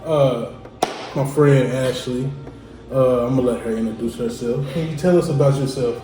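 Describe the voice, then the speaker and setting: A young man hosts a food challenge vlog in casual mukbang style, joking and laughing often as he teases his guest. His mid-range voice has fairly even intonation at a normal speed, recorded in an echoey room with a distant mic and music behind.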